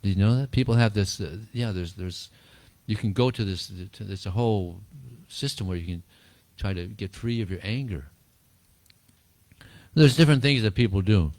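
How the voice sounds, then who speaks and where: A man with a deep, low voice teaches a small group in an easygoing, rambling way. He chuckles often and repeats words as he tells stories. The sound is dry and close. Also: moderate pace, darkish tone, no echo. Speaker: spiritual teacher answering questions. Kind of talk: informal talk and Q&A.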